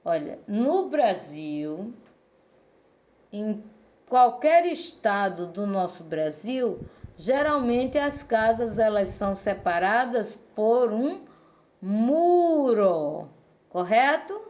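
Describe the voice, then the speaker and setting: Woman, teacher, slightly high voice, rhetorical questions. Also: big pitch swings, a little mellow. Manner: slow, explanatory, rhetorical questions. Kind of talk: explaining a Portuguese lesson.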